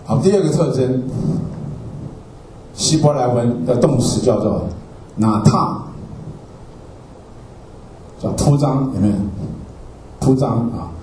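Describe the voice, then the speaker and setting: Slow and pausing often, a man with a warm mid-range voice teaches a Bible class from slides, going word by word and repeating himself. He tacks "ah" onto phrases and checks in with "okay?". The mic is distant and roomy, with faint ambience and a little hiss or hum.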